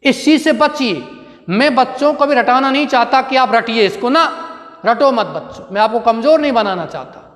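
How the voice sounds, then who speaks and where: A man's voice: very high voice, lively intonation, moderate pace, a bit bright. A male teacher giving a grammar lesson, asking his students questions and answering them himself while dictating. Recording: long reverb of a room.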